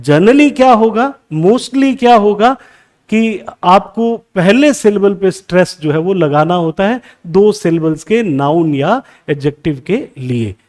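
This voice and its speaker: A man's voice: high voice, lively intonation, measured pace, darkish tone. A man teaching English exam prep in a lecture, mixing Hindi with English terms and answering his own questions. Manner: asks the class questions, then answers them himself.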